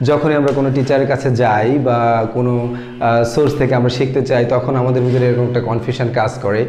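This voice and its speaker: A man's voice: mid-range voice, fairly even intonation, fast, darkish tone, a little hiss or hum. A man giving an English pronunciation lesson, slipping English words and phrases into his teaching. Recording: echoey room.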